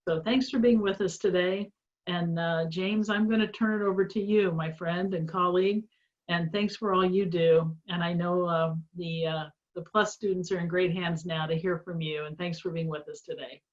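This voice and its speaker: A woman's voice: lowish voice, steady tone, moderate pace. A middle-aged woman from a small town in Indiana, introducing a webinar as the organization's president, earnest and encouraging, with frequent fillers. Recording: slightly dull webinar audio.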